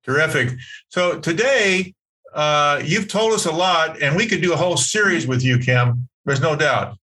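Bright encouraging male host. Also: fairly high pitch, lively intonation, normal speed, low-quality recording. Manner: warm-hearted, encouraging, with fillers and restarts. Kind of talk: hosting a faith video meeting. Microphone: video call.

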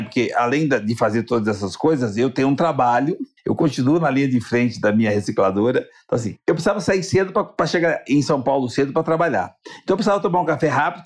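A Brazilian man, a motivational speaker and interview guest, telling a personal story earnestly and acting out the dialogue. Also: medium pitch.

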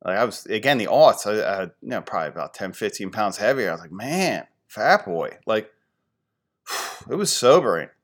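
A man's voice: on the low side, moderate pace. Rambling storytelling man from Philadelphia. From Philadelphia area. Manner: rambling, self-deprecating, animated when quoting friends. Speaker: podcast host. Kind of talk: casual storytelling monologue.

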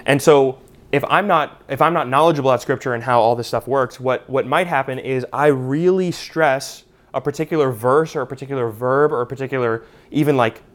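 A man teaching a Bible study class in a conversational way, with lots of "you know" and "uh". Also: mid-range voice. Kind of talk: unscripted teaching talk.

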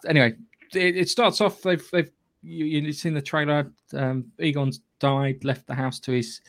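A man with a British accent hosting a podcast, giving a casual, opinionated film review in a halting, sweary way. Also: medium pitch. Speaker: podcast host.

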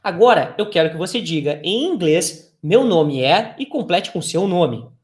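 A man with a Brazilian Portuguese accent, teaching English and saying phrases slowly and clearly so learners can repeat them. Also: high-pitched, big pitch swings. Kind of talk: language lesson with repeat-after-me drills. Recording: echoey room.

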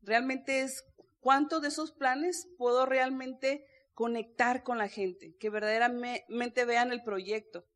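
A woman speaks from a convention stage, sharing her story in an earnest, personal way. Her voice sits high. She keeps turning to the audience and talking to them directly. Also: fairly even intonation, slow pace. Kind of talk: motivational stage testimony. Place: stage before a live audience.

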